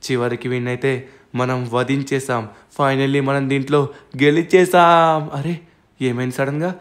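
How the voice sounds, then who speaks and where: A man hosting a gameplay video, narrating his role-play dramatically and shouting challenges at a villain. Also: mid-range voice, steady tone, unhurried.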